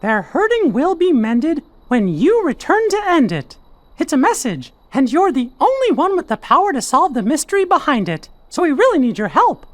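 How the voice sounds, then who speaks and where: A small, kindly mouse king speaks in a very high, squeaky falsetto. The delivery is earnest and swings up and down with lively cartoon energy, as in an animated video game. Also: normal speed, full character voice. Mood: earnest, gentle.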